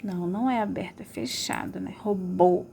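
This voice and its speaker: A woman's voice: on the high side, measured pace, a little mellow, slight background noise. A woman teaching a remote school lesson, stretching out words to model their sounds and checking in with pupils often.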